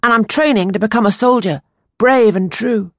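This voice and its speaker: A woman voicing an earnest, solemn ten-year-old boy who speaks in a high, urgent way. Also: normal speed, no echo, clean studio sound.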